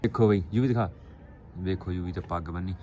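A man whose voice sits low and dark talks fairly quickly in a rustic, casual pigeon-keeping vlog, addressing viewers like mates. He's outdoors on a rooftop at home, and the lo-fi audio carries birds and outdoor noise behind him.

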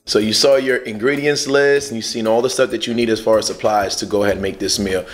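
A man's voice: lowish voice, steady tone, quick pace, faint music behind. A young man chatting playfully and asking questions while filming in a home kitchen. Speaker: co-host. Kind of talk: casual vlog chat. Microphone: handheld camera close to face.

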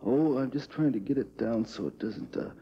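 A man's voice: medium pitch, normal speed, gravelly, highs cut off, slight background noise. A man in his twenties, a musician guest who gives terse, offhand answers, heard on an old 1960s TV broadcast recording. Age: 20s.

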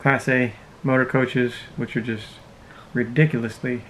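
A man in his thirties talks in a relaxed, rambling way, with plenty of fillers, at an everyday middle pitch. He is sitting inside a parked RV, speaking to a camera close in front, with a faint hum of noise behind him. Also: a little slow, low-quality recording. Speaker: vlogger. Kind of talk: casual chat.

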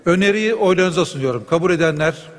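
A middle-aged man chairing a parliament session, making brisk procedural announcements into a desk microphone. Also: high voice, animated. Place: large parliament chamber. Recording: long hall reverb.

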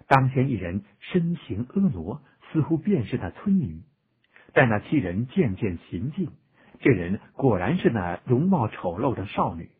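A man narrating a story as an audiobook reader, with an expressive, dramatic delivery. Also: medium pitch, breathy edge. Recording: tinny phone-like audio.

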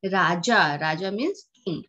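Woman teacher, slow and patient, repeats and glosses words for small kids, dull lo-fi audio. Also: lowish voice, lively intonation, sharp tone. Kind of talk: classroom lesson for young children. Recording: dull lo-fi recording.

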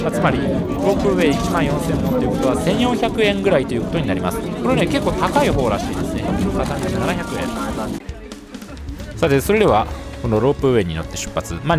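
A man talks through his travels in a chatty, explanatory way, slipping in small joking asides. His pitch sits a touch high and swings lively as he narrates quickly. Music plays clearly underneath his voice. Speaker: travel vlogger.

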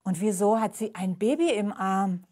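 Brief: author voicing a startled man at the front door, rapid questions. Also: mid-range voice, expressive, a little mellow, close to an everyday voice. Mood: surprised. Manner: questioning, surprised. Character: surprised male doorkeeper of a care home.

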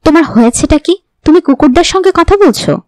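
A woman's voice: high-pitched, lively intonation, moderate pace, darkish tone, dry recording. A woman voicing a worried, irritated young husband.

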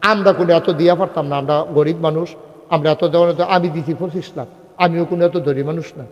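A man's slightly high, steady voice moves at a quick pace through a humorous Islamic sermon at a religious gathering. The audio is dull and carries a long reverb tail. He tells conversational stories with dialogue and coaxes responses from the crowd.

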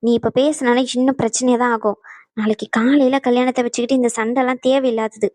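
A woman's voice: fairly high pitch, steady tone, fast, darkish tone, dry recording, natural voice. A woman voicing a placating young wife. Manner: patient, placating. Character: calm young wife, trying to make peace. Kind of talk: cartoon voice acting.

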